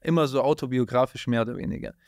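A rapper appears as a guest in a dark, blue-lit studio, telling stories animatedly and very fast in a casual interview. His mid-pitched voice is recorded dry on a close boom-arm studio mic, and his talk is packed with street slang and a constant "Bruder."

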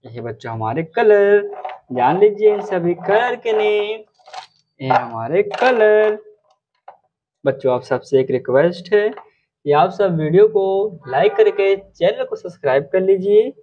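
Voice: medium pitch, animated, measured pace, highs cut off, background noise. A voice-over teacher narrating a children's drawing lesson, naming each color and shape one at a time. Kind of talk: slow instructional narration for kids.

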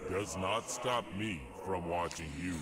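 A man voicing an unseen arena overseer in a game, speaking in a calm, cold, menacing way. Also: deep voice, a little slow, very noisy.

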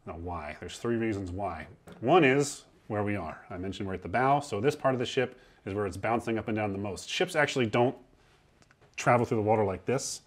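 A man's voice: lowish voice, expressive, a little fast. A man in his thirties guiding a tour below deck on a historic ship, explaining in a chatty way with a lapel mic. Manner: chatty, explanatory, acts out quoted sailors. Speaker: museum ship guide.

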